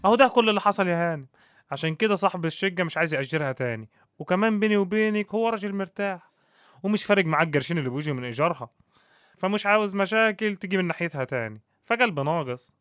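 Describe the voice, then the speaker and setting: A wary Egyptian doorman in a radio serial, talking very fast. He is folksy and deferential yet always ready to haggle, recorded close and dry. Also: high-pitched, animated, fairly bright tone, clean tone, dry recording. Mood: reluctant, ominous. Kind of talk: radio drama acting.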